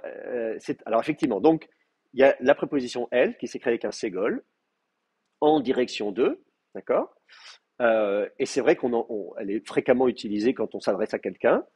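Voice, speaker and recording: A man's voice: mid-range voice, darkish tone, slightly rough. A man lecturing a Hebrew class, explaining patiently with many fillers and restarts. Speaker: Hebrew teacher. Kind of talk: university lecture.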